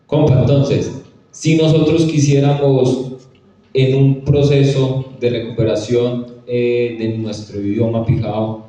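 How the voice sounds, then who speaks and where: A man's voice: mid-range voice, flat delivery, takes it slowly, dark tone. A man with a Tolima Colombian accent asking a question from the audience, hesitant and searching for words. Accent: Tolima Colombian Spanish. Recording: echoey hall, far from the mic, dull sound.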